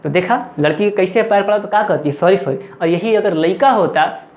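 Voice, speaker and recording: A man's voice: sits high, fairly quick. A man with a Bihari Hindi accent teaching an exam-prep lesson, asking questions and answering them himself again and again. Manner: drills points with repeated question-and-answer. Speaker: competitive exam tutor. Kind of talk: classroom-style lecture. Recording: echoey, slightly dull recording.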